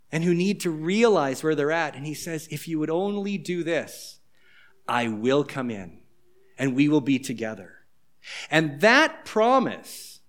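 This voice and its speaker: Male pastor, higher-pitched voice, earnest and emphatic sermon delivery. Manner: earnest, emphatic preaching with paraphrased quotes.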